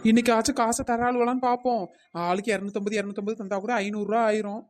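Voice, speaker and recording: A woman's voice: fairly high pitch, level tone, quick pace, darkish tone, lightly acted. A woman voicing a fed-up young snack stall keeper in a cartoon, scolding and complaining. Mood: chiding. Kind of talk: cartoon voice acting.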